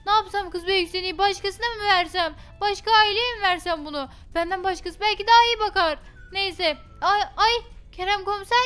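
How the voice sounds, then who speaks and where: A woman's voice: very high voice, brisk, few pauses, bright, forceful tone. A woman hosting a game role-play, narrating dramatically and exclaiming to her viewers.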